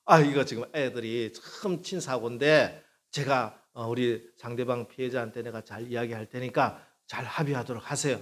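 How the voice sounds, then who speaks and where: A middle-aged male pastor preaching a sermon, telling a story and acting out the prayers and dialogue in it, his voice rising with feeling. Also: medium pitch. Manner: acts out quoted prayers and dialogue, voice rising with emotion.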